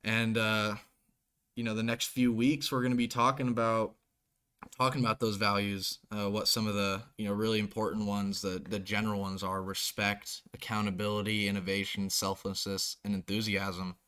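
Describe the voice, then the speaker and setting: Bright, clear-voiced young man hosting. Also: lowish voice, moderate pace. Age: young adult. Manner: relaxed storytelling, animated when quoting others. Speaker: host, college football player. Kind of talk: casual podcast interview.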